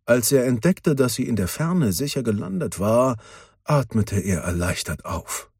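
A man reading a children's story aloud as narrator, in an expressive way. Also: medium pitch, measured pace, breathy edge, dry recording, studio quality.

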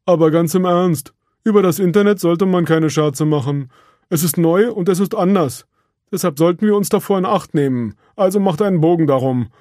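A man reading a storybook aloud, voicing a big, clumsy, good-natured male wrecker who speaks in a slow, simple-minded, earnest way. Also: high-pitched, warm tone, no room sound, studio quality, pitched above the performer's own voice, close to an everyday voice. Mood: stern, lecturing.

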